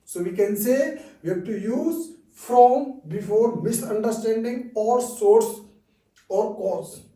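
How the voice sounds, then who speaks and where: His voice sits high and he speaks slowly, with a warm tone: an English teacher with an Indian accent delivering a slow explanatory lesson. He repeats key phrases and says "okay" over and over, and the distant mic catches a roomy echo.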